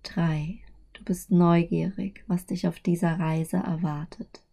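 Female sleep meditation narrator: soft, soothing, near-whispered delivery, lowish pitch with gravelly creak. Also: fairly even intonation, takes it slowly. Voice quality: soft, breathy.

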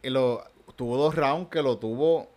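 A man's voice: medium pitch, a little slow, darkish tone. A man with a Puerto Rican accent chatting casually about MMA fights as a podcast co-host, rambling and repeating his words. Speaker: podcast co-host, improv comedian.

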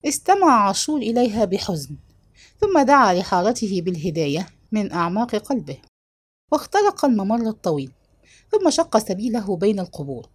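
A woman narrating a novel aloud in an expressive storytelling manner. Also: medium pitch, breathy edge. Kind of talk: audiobook narration.

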